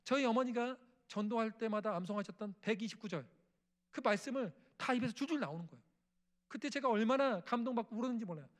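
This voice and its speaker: In a church sanctuary, a middle-aged male missionary delivers an emotional testimony sermon, acting out family dialogue and prayers. His voice is very high and his pace quick.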